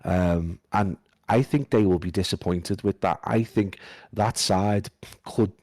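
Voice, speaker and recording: A man guesting on a casual podcast, talking in a flat monotone while feeling unwell. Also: low voice, measured pace, dry recording. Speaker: guest esports caster.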